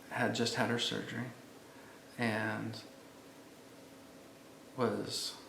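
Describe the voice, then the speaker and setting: A middle-aged man speaks in a slow, measured, plain-spoken way during a personal testimony. His voice is gravelly and stays fairly flat. The recording carries a roomy echo. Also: lowish voice, a little hiss or hum. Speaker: father. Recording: roomy room sound.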